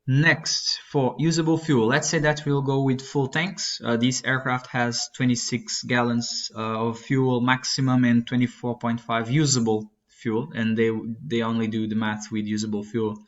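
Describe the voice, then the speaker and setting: A young flight instructor walks through a flight-prep chart in a screen-recorded lesson, speaking in a flat, unvarying, medium-pitched voice. He halts often, filling pauses and correcting himself. The sound is dull and lo-fi, picked up by a desk mic at his computer.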